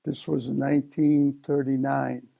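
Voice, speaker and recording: Slow, gravelly older man. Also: medium pitch, level tone, dark tone. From Italy. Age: 70s. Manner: slow, halting storytelling with many fillers. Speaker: interview guest. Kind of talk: oral history interview.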